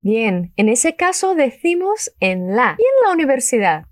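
A woman teaching a Spanish lesson, upbeat and enthusiastic, saying model phrases slowly and clearly for learners to repeat. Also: high-pitched, big pitch swings, no room sound, studio quality. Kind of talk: language lesson with repeat-after-me drills.

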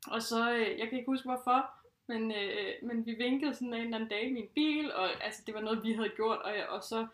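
A woman co-hosting a casual podcast chat, enthusiastic and quick to laugh. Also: fairly high pitch. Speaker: podcast co-host. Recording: echoey room.

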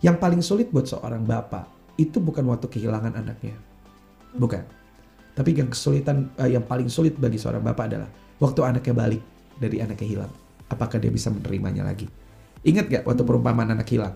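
A man preaching as a youth pastor, with a deep gravelly fry running through a dark, mellow voice. He talks earnestly and slangily, acting out the complaints of ordinary people. Soft music plays faintly underneath. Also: quick pace. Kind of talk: preaching in a podcast chat.

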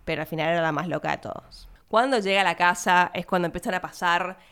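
A young Argentine woman, not from Buenos Aires, hosting a podcast and chatting casually about a film, laughing and speaking quick asides to her listeners. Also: on the low side, a bit bright, clear, resonant tone. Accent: Argentine Spanish, not Buenos Aires. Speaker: podcast host.

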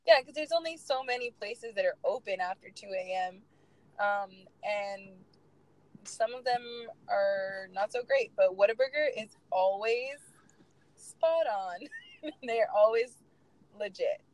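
Chatty woman co-host, animated. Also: mid-range voice, unhurried, low-quality recording. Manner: animated storyteller, says "like" a lot. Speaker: podcast co-host. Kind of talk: casual chat.

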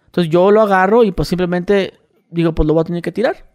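Co-host with a Mexican accent, high voice, fast and slangy. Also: male voice, darkish tone. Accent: Mexican Spanish. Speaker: podcast co-host. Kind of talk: casual chat.

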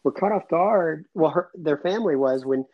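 A man's voice: fairly high pitch, animated, normal speed. A man in his late thirties, a guest on an interview show, telling his story in an earnest, rambling way. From Cuba, raised near Atlanta. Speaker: guest, immigration lawyer. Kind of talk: casual interview chat. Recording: dull lo-fi audio.

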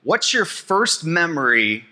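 Guy moderating a panel, super bright voice, pitch jumps around, laughs a lot. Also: very animated, slow. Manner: laughs often, encouraging.

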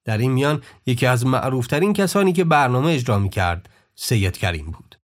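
Brief: male narrator, mid pitch, measured scripted documentary reading. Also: sing-song. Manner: measured, informative. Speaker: podcast narrator.

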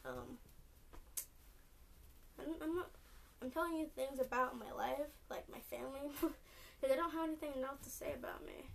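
A woman's voice: sits high, normal speed, creaky. Rambling young Californian woman podcaster. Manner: rambling, lots of "like" and "um", restarts often. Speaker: podcast host. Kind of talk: rambling solo podcast chat. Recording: distant mic with faint noise.

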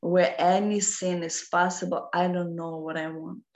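A woman with a Russian accent explaining philosophical ideas off the cuff in halting non-native English. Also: lowish voice, flat delivery, a little mellow. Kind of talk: unscripted philosophical explanation in conversation. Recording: roomy, echoing sound.

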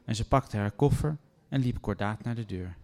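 A man reading a first-person story aloud in a calm, measured way. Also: on the low side.

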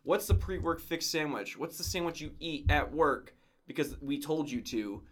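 A man's voice: a little high, animated, normal speed, fairly bright tone. A man co-hosting a podcast in casual chat, probing with questions and restarting his phrases. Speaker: podcast co-host.

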